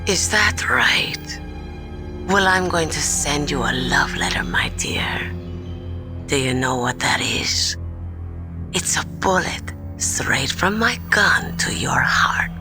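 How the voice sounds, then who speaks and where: A woman playing a seductive, cold, merciless sniper villain in a video game, taunting in a breathy purr. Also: expressive, slow pace, in a whisper, over music, heavily acted. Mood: seductive menace. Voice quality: breathy, low.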